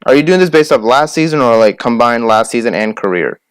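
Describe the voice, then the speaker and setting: A young man co-hosting a casual sports podcast, listing names quickly and arguing his picks. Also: mid-range voice, expressive, clean tone, no room sound. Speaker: podcast co-host.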